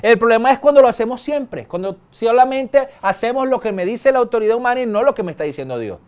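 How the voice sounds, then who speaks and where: A middle-aged male pastor, preaching a sermon in a conversational way, with colloquial asides and sudden quick bursts. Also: very high-pitched, expressive, a little mellow, clear, resonant tone. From Venezuela.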